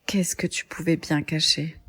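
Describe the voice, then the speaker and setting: A woman voicing an obsessive young woman who calmly vows to keep a man for herself. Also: sits low, measured pace, slightly rough, voice pushed down, full character voice.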